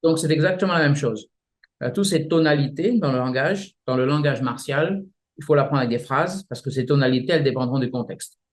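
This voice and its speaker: Male martial arts teacher, halting, vivid examples, guest interview. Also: medium pitch. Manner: halting, many restarts, explains with images. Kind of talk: casual explanatory interview.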